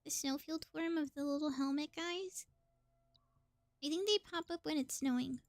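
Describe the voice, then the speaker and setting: A woman with a high-pitched voice commentates a video game on a live stream, chatty and informal as she thinks aloud. She speaks at a normal speed, with no echo.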